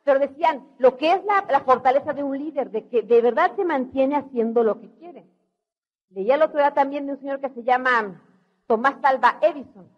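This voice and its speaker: Mexican woman, high voice, motivational storytelling talk, dull lo-fi sound. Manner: animated, acts out quoted voices. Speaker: motivational speaker. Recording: dull lo-fi recording.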